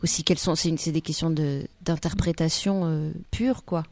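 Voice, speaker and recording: A woman's voice: deep voice, steady tone, moderate pace, darkish tone, no echo. A woman, an actress, answering questions in a radio interview, hesitant and full of restarts. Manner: hesitant, many restarts and fillers. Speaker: actress, guest.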